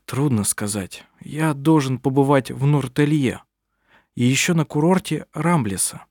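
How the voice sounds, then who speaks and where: A man's voice: medium pitch, expressive, measured pace, a little mellow, no echo, clean studio sound. A man reading aloud, voicing an earnest young man who is an eager would-be sorcerer and a fond son. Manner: earnest, affectionate.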